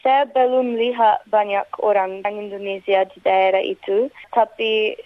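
A young Australian woman gives interview answers as a foreigner speaking Indonesian, with a native English speaker's accent. Her delivery is careful and very even in pitch. She comes over a dry, tinny telephone line. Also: measured pace, no room sound. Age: young adult. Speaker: interviewee, local council candidate. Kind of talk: radio interview answers, somewhat prepared. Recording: tinny narrow phone line.

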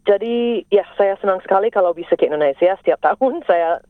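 A woman's voice: mid-range voice, fairly quick, dry recording. A middle-aged Australian woman, a native English speaker, answering interview questions in Indonesian as a foreigner, in simple careful phrases with the odd English word. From South Australia. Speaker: Indonesian language teacher and interview guest. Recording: tinny narrow-band phone line.

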